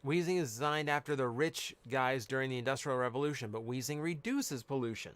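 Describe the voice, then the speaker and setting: A man's voice: mid-range voice, a little fast, fairly bright tone, smooth, no room sound. A man chatting casually on a live stream, reading out cards and answering chat. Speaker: streamer opening card packs.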